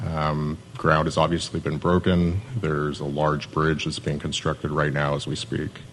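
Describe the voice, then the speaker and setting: Speaking unhurriedly in an extremely low, monotone voice, a city development manager gives a live presentation that is matter-of-fact but personable. He is from Southern California and has a Californian American accent. The recording carries a little hiss or hum.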